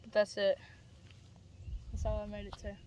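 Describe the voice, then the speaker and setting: Chatting plainly and explaining along the way, a young teen boy films a fishing vlog outdoors by a pond. His high male voice is monotone with a darkish tone at normal speed, captured by a handheld camera mic at varying distance amid outdoor noise.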